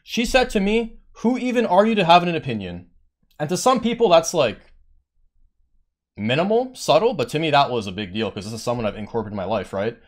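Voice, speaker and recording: This streamer speaks a little fast with a fairly high male voice, venting to his chat in casual talk. Swearing freely, he gets heated and petty, acting out other people's words loudly, and he remarks that his voice is monotone.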